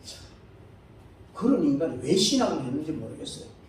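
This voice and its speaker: A man preaching a Sunday sermon as pastor, swinging between loud, high exclamations and low, quiet asides. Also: very animated, a little fast, distant mic, slight background noise. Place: church sanctuary. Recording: echoey church hall, speaker away from the mic.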